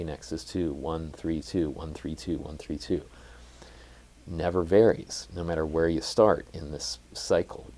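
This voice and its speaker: A man with an exceptionally deep, low voice gives a jazz guitar lesson. He explains rhythm methodically and counts beats aloud. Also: warm tone. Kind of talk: instructional music lesson.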